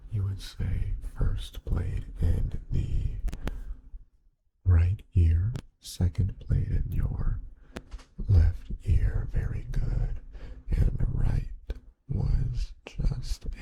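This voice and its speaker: A young man whispering softly and patiently through an ASMR hearing test roleplay, giving step-by-step instructions and quiet praise. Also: low voice, poor audio.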